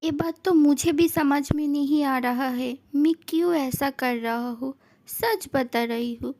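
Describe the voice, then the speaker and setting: A woman's voice: high voice, unhurried, darkish tone. A woman voicing a tearful young man who blames himself and asks for advice, in a fan-fiction story. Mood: remorseful. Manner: self-blaming, pleading for advice.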